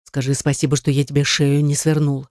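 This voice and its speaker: An audiobook reader voicing an angry ex-husband who speaks in gruff, sarcastic bursts. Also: male voice, fairly high pitch, monotone, fairly quick, dry recording, studio quality, lightly acted. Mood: threatening. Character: angry wealthy ex-husband, hot-tempered, blunt. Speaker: audiobook character. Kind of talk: audiobook reading.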